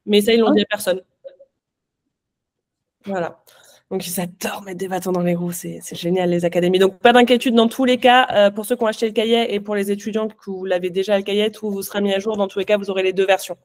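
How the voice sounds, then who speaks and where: Fast, flat-voiced woman coach. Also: mid-range voice. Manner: reassuring, chatty, rapid. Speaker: pastry course coach and live host. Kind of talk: live online Q&A coaching.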